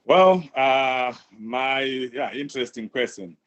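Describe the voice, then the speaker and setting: A middle-aged man from Zimbabwe, answering interview questions in a measured, halting way. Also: mid-range voice, lo-fi sound. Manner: measured, halting, many pauses. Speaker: guest, human rights activist.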